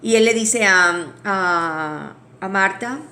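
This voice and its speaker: A woman teaching a Bible study in a conversational way. She restarts phrases, adds asides to her listeners, and slows down to read scripture aloud. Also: mid-range voice, pushed and bright. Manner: reads scripture aloud slowly.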